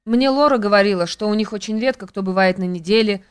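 Lady doing bored snooty countess, careless mocking drawl, smooth voice. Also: mid-range voice, fast, natural voice. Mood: haughty. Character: haughty, bored young countess.

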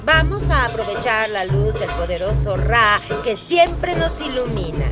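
An encouraging priestess of ancient Egypt instructs like a dance teacher. She speaks slowly in a slightly high, lively-pitched voice, over loud music in a dubbed drama. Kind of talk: dubbed period television drama.

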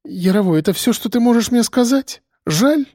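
Man putting on a hurt young woman, plaintive, dramatic, high voice, dry studio sound. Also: animated, moderate pace, warm tone, no echo. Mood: indignant. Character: young policewoman, hurt and jealous.

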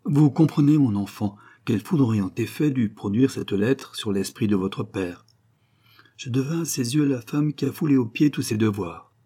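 A man reading the part of a grieving, anguished noble mother in an audiobook, with a husky voice and a solemn way of telling. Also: medium pitch, lively intonation, moderate pace, dark tone.

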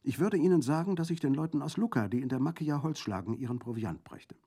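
A man reading a story aloud, voicing a young peasant girl in a high, eager, childlike tone. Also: expressive, fast, mellow. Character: young peasant girl, timid but quick-witted. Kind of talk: scripted radio reading.

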